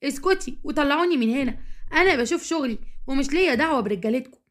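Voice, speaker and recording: A woman's voice: high voice, expressive, fast talker. Woman voicing a flustered Egyptian young woman. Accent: Egyptian Arabic. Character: locked-in blonde young woman.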